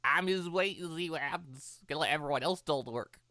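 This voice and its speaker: A man's voice: on the high side, fast, bright, forceful tone, dry recording, studio quality. A man playing in a tabletop game with friends, casually explaining his character's rules in detail. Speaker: player.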